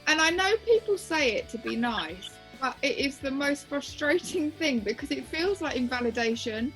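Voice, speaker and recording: A woman's voice: sits high, animated, normal speed, a bit bright, faint music behind, poor audio. A woman in her twenties telling her own story frankly as an interview guest, with many restarts. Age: 20s.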